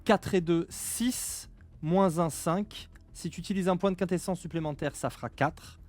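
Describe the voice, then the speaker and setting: A man narrating a tabletop role-playing game as game master, with dramatic pauses. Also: high voice, darkish tone.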